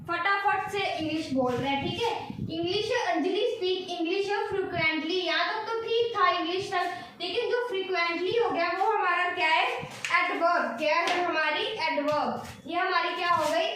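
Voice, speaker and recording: A woman teacher explaining grammar, repeating each example slowly and checking in often. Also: very high-pitched, a bit bright. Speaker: English teacher. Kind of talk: classroom lesson explaining grammar. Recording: echoey room, distant mic, faint noise.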